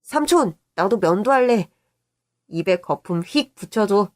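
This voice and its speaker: A woman voicing an eager, cheeky young boy who chirps and teases excitedly. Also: medium pitch, a little slow, close to an everyday voice.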